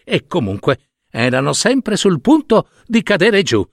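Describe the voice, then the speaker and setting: A man reading a fairy tale aloud, expressive and playful with sound words. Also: high voice, unhurried, vocal fry, no room sound, studio quality. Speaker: storyteller.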